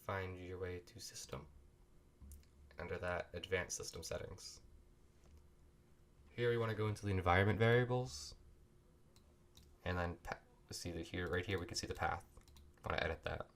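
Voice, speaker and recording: A man's voice: low voice, normal speed, long pauses, a bit bright, slight background noise. A man with a sick voice walks through a coding tutorial in a casual, apologetic way, recorded at a home computer desk. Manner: loose and apologetic, talks while clicking through steps. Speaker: tutorial host.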